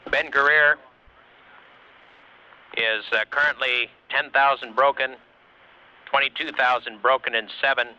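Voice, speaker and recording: A capsule communicator reading a weather report over a mission control radio link, in clipped aviation phrasing. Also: male voice, mid-range voice, fairly even intonation, unhurried, long pauses, sharp tone, clean tone. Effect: radio transmission from mission control. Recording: muffled radio loop audio.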